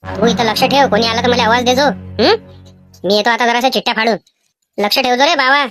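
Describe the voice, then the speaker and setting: A woman's voice: fairly high pitch, a little fast, music in the background, voice pushed down, natural voice. A woman voicing a sneaky schoolboy who smuggles cheat notes, talking in a scheming, boastful way in a Vidarbha Marathi accent. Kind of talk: animated cartoon voice acting.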